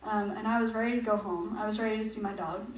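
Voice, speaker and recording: A woman's voice: medium pitch, fairly even intonation, fast. Chatty young woman in an echoey church hall. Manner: chatty, laughs often, many fillers. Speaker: mission trip presenter. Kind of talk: casual talk to a church audience. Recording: echoey hall, picked up from a distance, faint noise.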